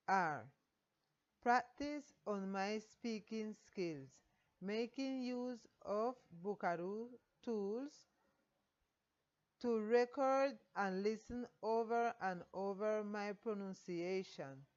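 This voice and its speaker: Colombian spanish-accented woman, slow halting english reading, muffled lo-fi audio. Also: mid-range voice, a little mellow. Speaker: student teacher. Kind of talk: read-aloud teaching reflection. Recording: dull lo-fi recording.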